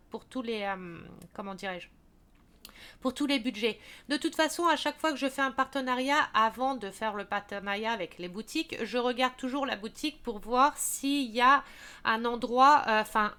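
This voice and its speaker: A woman's voice: a little high, sharp tone, clean tone. A woman casually walking viewers through a craft shop's products, chatty with many fillers and restarts. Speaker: craft video creator.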